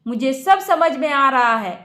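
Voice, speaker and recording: A woman voicing an angry, sharp-tongued young wife who shouts accusations. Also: high-pitched, lively intonation, unhurried, reverberant.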